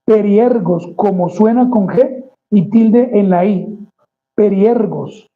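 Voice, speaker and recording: A man's voice: sits high, takes it slowly, phone-quality sound. A male pastor delivering a conversational sermon, addressing the congregation as brothers and acting out small quoted exchanges.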